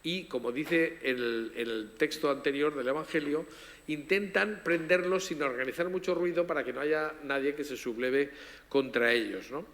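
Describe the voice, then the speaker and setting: A man's voice: a little high, moderate pace, fairly bright tone. A middle-aged man giving a public lecture, explaining at length with asides and self-corrections. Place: lecture hall. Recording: reverberant hall.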